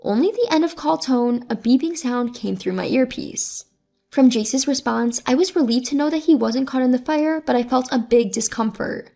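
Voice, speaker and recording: A woman reading a first-person story aloud in a steady, even narration. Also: sits high, normal speed, gravelly.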